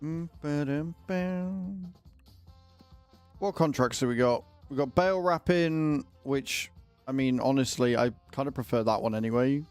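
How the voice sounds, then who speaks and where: A man's voice: medium pitch, a little slow, a little mellow, smooth, faint music behind. A man livestreaming a video game, chatting casually and informally with his viewers. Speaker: livestreamer, gamer.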